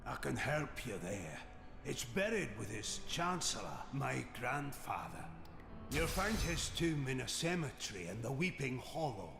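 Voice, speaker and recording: A gruff village blacksmith for a video game, his gravelly voice swinging widely in pitch. The line sits in a roomy space with clear game music behind. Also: very animated, measured pace. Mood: grateful.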